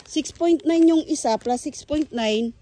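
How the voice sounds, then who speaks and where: A woman's voice: high voice, measured pace, mellow. A woman vlogger who laughs often and keeps teasing and cheering on her friend during a drinking challenge. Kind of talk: casual teasing chat. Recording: noisy background.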